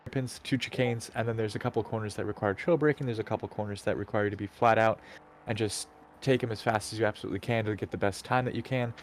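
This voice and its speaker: Lowish male racing co-commentator, explanatory. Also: fairly even intonation, fast talker, a little hiss or hum. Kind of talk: casual livestream track analysis.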